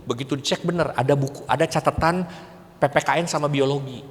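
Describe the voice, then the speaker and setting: Animated man speaking in an echoing hall. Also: fairly high pitch, fast talker. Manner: animated, acts out parents and students, laughs often. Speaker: parenting seminar speaker, school educator. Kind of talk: lively seminar talk. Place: church hall. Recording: long hall reverb.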